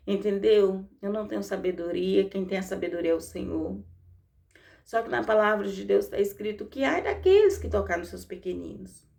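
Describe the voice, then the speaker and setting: A woman's voice: medium pitch, vocal fry, a little mellow. A woman with a Brazilian Portuguese accent preaching a fervent devotional exhortation, repeating her phrases and calling her listeners "gente".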